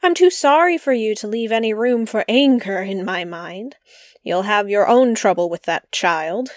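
A woman's voice: medium pitch, animated, moderate pace, no echo, clean studio sound, natural voice. A woman playing a blunt, judgmental, nosy older neighbor woman in an amateur radio play. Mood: huffy.

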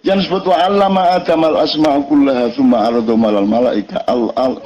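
A man's voice: medium pitch, steady tone, fast, a little mellow, soft background music, low-quality recording. A man from East Java with an East Javanese accent, giving an informal religious lecture in a rambling, conversational way full of rhetorical questions. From East Java, Indonesia. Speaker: religious speaker.

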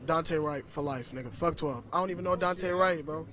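Man protester, high bright voice, emphatic and profane. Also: fairly quick.

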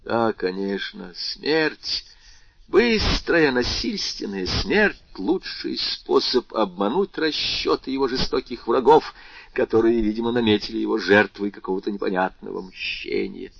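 Man, audiobook narrator, low voice, measured dramatic reading, dry muffled recording. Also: lively intonation, creaky, a bit bright, husky, no room sound. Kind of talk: scripted literary narration.

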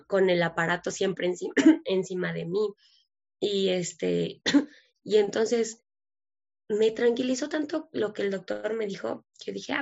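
A woman's voice: mid-range voice, vocal fry. A woman, a guest telling her story earnestly and acting out the dialogue. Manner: earnest, emotional, acts out dialogue. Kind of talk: personal testimony in an interview.

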